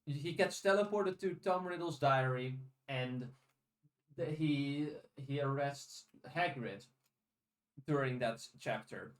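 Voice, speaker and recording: A man co-hosting a podcast speaks slowly in a mid-range voice, chatting casually and rambling, often paraphrasing in dialogue. The recording sounds roomy and echoey.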